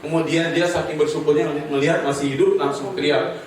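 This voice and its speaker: A man's voice: on the high side, fairly even intonation, fairly quick. A man preaching a humorous sermon at a home gathering, telling stories, addressing the audience directly and leading them in recitation. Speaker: Islamic preacher. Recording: very echoey, distant mic, crowd audible.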